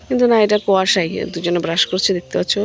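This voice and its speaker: A woman vlogging about her morning at home with a hoarse voice, chatting to viewers and coaxing her young son along. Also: fairly low pitch, racing, faint music behind. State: hoarse, worn-down voice. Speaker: vlogger and mother. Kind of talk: casual daily family vlog. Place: at home, partly outdoors on a foggy morning.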